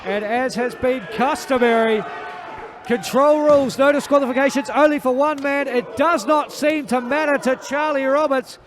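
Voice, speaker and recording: A man working as a play-by-play wrestling commentator, making emphatic, dramatic, excited calls of a match. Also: extremely high pitch, moderate pace. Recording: live crowd noise behind. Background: wrestling event crowd.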